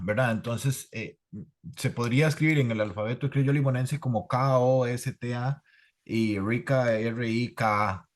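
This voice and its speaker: A man explaining language points in an academic online talk, often adding "¿verdad?". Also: fairly low pitch. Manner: explanatory, many "¿verdad?" tags. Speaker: presenter on the creole translation.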